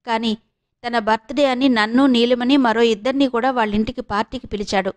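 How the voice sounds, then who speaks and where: A woman voicing a defiant young woman who speaks sharply and with force, high-pitched. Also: steady tone, a little fast, close to an everyday voice. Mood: bitter.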